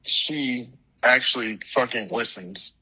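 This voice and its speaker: Bright-voiced man calling in, casual and blunt. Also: medium pitch, slow pace, husky, poor audio. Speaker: caller. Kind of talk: phone-in call.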